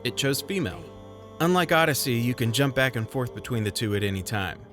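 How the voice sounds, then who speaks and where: A man with a mid-pitched voice narrates a scripted video game review fairly quickly. His delivery is wry with a touch of theatrical flourish, and music plays clearly behind him.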